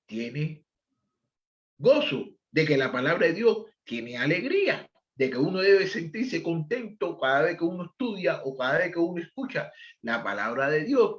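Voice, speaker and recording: A man leading a Bible study, emphatic, repeating phrases and asking and answering his own questions. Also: fairly high pitch. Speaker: Bible teacher. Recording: roomy, dull lo-fi sound.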